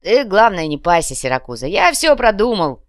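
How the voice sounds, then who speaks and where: A woman voicing a short, crude, boastful male red-cap gang boss in an audiobook, talking loud and slangy with a swagger. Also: medium pitch, big pitch swings, normal speed, no echo, studio quality, natural voice. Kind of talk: audiobook character voice.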